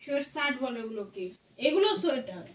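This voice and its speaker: A woman trading quick teasing remarks in casual family banter at home. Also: high-pitched, expressive, a crowd in the background.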